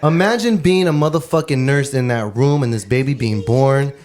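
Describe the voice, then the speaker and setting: A man co-hosting a casual studio podcast, excitable and quick to swear and laugh. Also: medium pitch. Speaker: podcast co-host. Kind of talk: casual chat.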